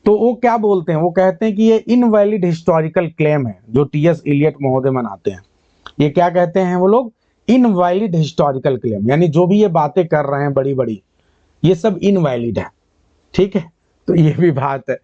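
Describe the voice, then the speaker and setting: Male teacher, high-pitched, exam-prep class, quizzing and praising students, slow English questions, dry close sound. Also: animated, mellow, no echo, highs cut off. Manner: quizzes students, praises answers, mixes English terms into Hindi; reads English questions out slowly, word by word.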